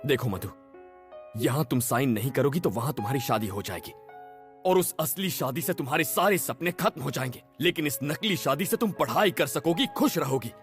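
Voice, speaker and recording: A man's voice: fairly high pitch, expressive, brisk, few pauses, fairly bright tone, faint music behind. An actor dubbing an anxious young male police officer who pleads urgently and protests nervously in a Hindi film dub. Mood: persuasive. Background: film score.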